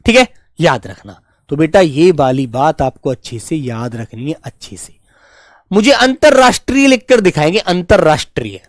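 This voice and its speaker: He's very animated as he leads a live online spelling class, his pitch climbing and dropping throughout his explanations. With patience he says each word slowly, repeating it, and refers to his pupils fondly as "beta," or children. The sound is intimate and dry, with no reverb from the room.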